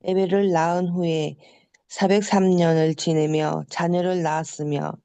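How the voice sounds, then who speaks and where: A reader taking turns reading scripture aloud in a measured, careful way. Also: mid-range voice, level tone, mellow, clear, resonant tone, dry recording.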